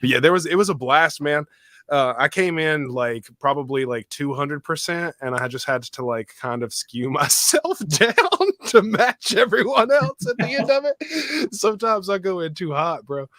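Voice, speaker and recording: A Texan man chats on a livestream, slangy and excitable. His voice is deepened after a recent illness. The sound is dry and close to a studio mic. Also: normal speed, no echo. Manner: excitable, slangy, greets chat loudly. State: deep voice after being sick. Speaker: host. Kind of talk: casual livestream chat. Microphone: studio mic with audio interface.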